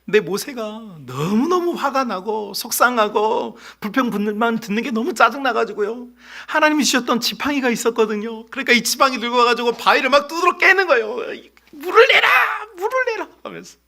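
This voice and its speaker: A middle-aged man preaching a sermon as pastor, telling a story with lively acted-out voices. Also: very high-pitched, fairly quick, few pauses. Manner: animated storytelling, acts out voices. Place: church sanctuary.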